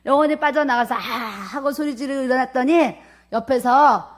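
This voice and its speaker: A woman's voice: on the high side, lively intonation, normal speed. A woman pastor preaching a sermon in a church, telling a personal story vividly and urging her listeners earnestly. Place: church sanctuary.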